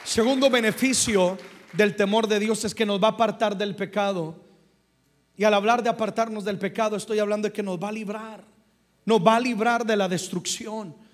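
High-voiced preaching man. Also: fairly even intonation, normal speed. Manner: rises from hushed to loud preaching and asks the congregation for replies. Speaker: pastor. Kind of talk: sermon.

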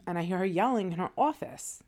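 A woman's voice: fairly low pitch, lively intonation, a little fast, darkish tone. A woman, co-hosting a podcast and telling stories in casual chat. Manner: chatty storytelling, laughs often. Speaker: podcast co-host.

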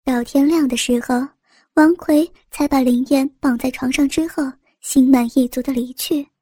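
A woman with a high voice narrates a story in an even, steady way. Her timbre is mellow and dark rather than bright. The sound is close and completely dry. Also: moderate pace, slightly rough, no room sound. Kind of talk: story reading.

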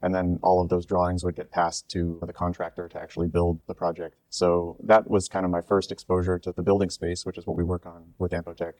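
A man in his thirties from near Washington DC, a startup co-founder explaining his path in a relaxed way with small restarts. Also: deep voice, brisk, few pauses, dry recording. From United States, near Washington DC. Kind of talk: interview answers. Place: exhibition space.

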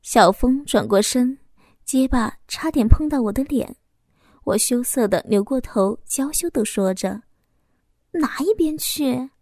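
A woman storyteller reading a story aloud in a soft, even, intimate way. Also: on the high side, no room sound, studio quality.

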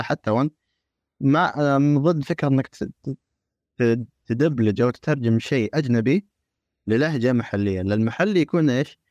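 A man in a casual gaming discussion who talks haltingly, restarting often. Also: mid-range voice, darkish tone, no room sound, highs cut off. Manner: halting, many restarts and repeated words.

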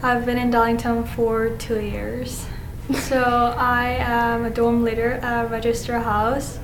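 A young woman from South Korea introduces herself in careful, plain sentences. She speaks slowly with a fairly high, even voice. The room echoes and there is a clear hiss. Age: young adult. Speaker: student guest.

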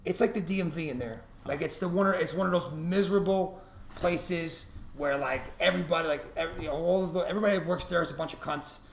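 Man, gravelly voice, a bit high, swears freely, roomy room, faint noise. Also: fast. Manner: swears a lot, slangy and blunt. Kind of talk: casual chat.

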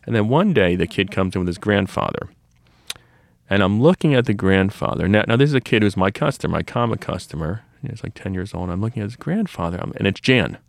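A man's voice: lowish voice, expressive, brisk, vocal fry, no echo. A middle-aged man who runs a comic shop, telling long rambling stories on a podcast with many restarts and asides. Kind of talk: casual storytelling conversation.

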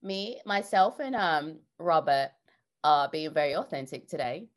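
A woman with a hoarse, croaky voice hosting an interview podcast in a conversational way. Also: low-pitched, animated, unhurried. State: hoarse voice from allergies. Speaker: podcast host.

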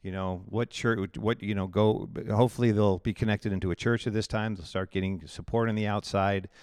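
A pastor from Iowa in his forties talks through his story in a loose, rambling way, often restarting his sentences. His voice sits fairly low and sounds smooth and clear. The recording is close and dry. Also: steady tone, a little fast, a little mellow, dry recording. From Iowa, USA. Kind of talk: conversational interview.

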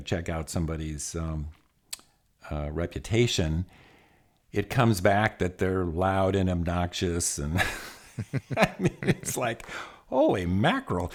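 A middle-aged man, an executive coach, telling stories in a lively, conversational way with frequent restarts and asides. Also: sits low. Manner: animated, many restarts and asides. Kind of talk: conversational storytelling.

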